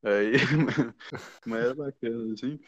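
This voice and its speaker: A young Brazilian man chats casually as a podcast guest, rambling through his stories with plenty of slang fillers. His voice sits at a middle pitch and is recorded close and dry, with a dull, muffled tone. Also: slow pace, no room sound. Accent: Brazilian Portuguese. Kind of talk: casual chat.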